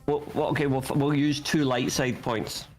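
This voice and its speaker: A man's voice: mid-range voice, level tone, normal speed, darkish tone, faint music behind. A man playing in a tabletop game, chatting casually and wryly, with some swearing. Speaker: player.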